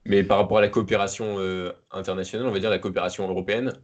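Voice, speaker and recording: A young man co-hosting a casual chat, explaining things in a measured way. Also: sits low, steady tone, highs cut off. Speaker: podcast co-host.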